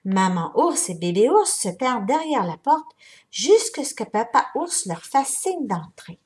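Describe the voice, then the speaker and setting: Woman reading a children's tale aloud, higher voice, unhurried. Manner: expressive, unhurried storytelling. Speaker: story reader.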